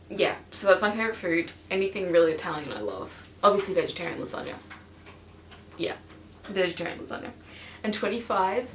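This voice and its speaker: A woman's voice: mid-range voice, echoey room. A talkative teenage girl rambles to her camera, bubbly and full of "like"s. She sits back from the mic in her bedroom, so her voice rings in the room and sounds a little distant. A faint hiss lies under her voice. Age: teens. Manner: chatty and excitable, lots of fillers. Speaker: vlogger. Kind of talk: casual chat to camera. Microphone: stationary camera.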